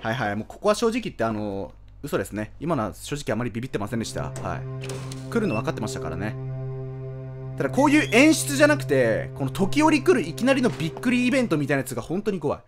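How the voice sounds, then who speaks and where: A male let's-player narrating a horror game, his voice swinging from low mutters to loud shouts. He is jumpy, yelping at every scare and scolding the screen, with faint game music under him. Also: wildly swooping pitch, fast. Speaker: game streamer.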